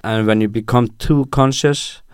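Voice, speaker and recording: A man's voice: medium pitch, steady tone, moderate pace, clean tone, dry recording, clean studio sound. A young Icelandic man whose first language is Icelandic, speaking as a musician guest in a casual interview, hesitant with many fillers and restarts.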